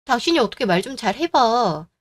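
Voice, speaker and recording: A woman's voice: on the high side, sing-song, fairly quick. A woman voicing a tired young wife in a radio drama, complaining and pleading with her husband. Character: weary young wife and daughter-in-law.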